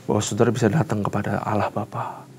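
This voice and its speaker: A man's voice: on the low side, little pitch movement, fast talker, a little mellow, faint music behind. A man in his thirties teaching a Bible study as a conversational sermon, asking the congregation emphatic rhetorical questions in casual, colloquial phrasing.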